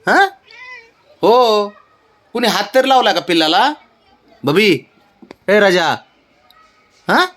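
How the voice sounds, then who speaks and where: A man soothing his pet in gentle baby talk, coaxing it and repeating calm reassurances over and over. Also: high voice, slow pace, long pauses. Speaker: pet owner vlogger.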